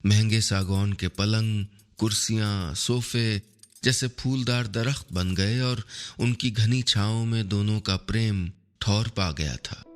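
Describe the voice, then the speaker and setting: A middle-aged man narrating a scripted story in a soft, measured, unhurried way. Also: on the low side.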